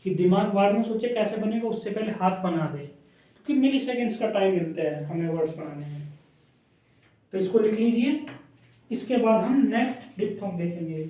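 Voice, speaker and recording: A man's voice: high-pitched, warm tone. A man teaching a shorthand lesson, repeating sounds aloud as he draws strokes. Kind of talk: classroom lesson. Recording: echoey room from a distant mic, dull.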